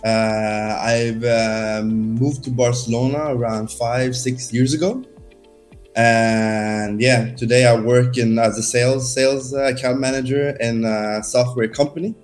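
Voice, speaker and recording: An easygoing man in his thirties from Norway, talking as a podcast guest. His tone stays flat and even, and he leans on fillers like "uh" and "kinda." Faint music plays behind him. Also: medium pitch, measured pace. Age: 30s. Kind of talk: casual conversation.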